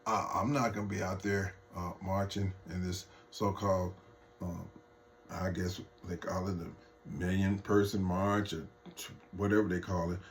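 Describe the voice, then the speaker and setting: A man's voice: deep voice, flat delivery, moderate pace, slight background noise. A man delivering an off-the-cuff political rant to his viewers, heated, mocking and profane, addressing them as folks. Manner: talks straight to viewers as folks. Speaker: political vlogger.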